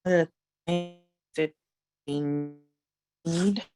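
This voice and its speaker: A woman's voice: lowish voice, steady tone, drawn-out words, over music. A woman commissioner chairing an online town meeting, hesitating with frequent ums while her video call audio keeps breaking up. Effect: choppy, breaking-up video call audio.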